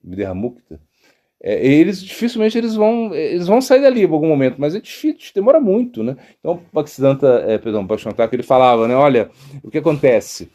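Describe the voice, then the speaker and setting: A man's voice: fairly high pitch, fast. A man, a monk giving a spiritual talk, telling a story with many restarts and tag questions. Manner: animated storyteller, frequent "né?" and restarts. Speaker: monk teaching devotional philosophy.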